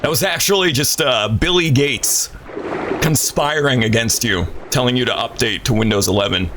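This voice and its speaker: A man with a medium-pitched voice and a slight cold-induced stuffiness gives casual, rambling commentary while streaming a horror game, often poking fun at himself at a normal speed. Game music plays behind him, and static crackles from the failing audio interface his desk mic runs through.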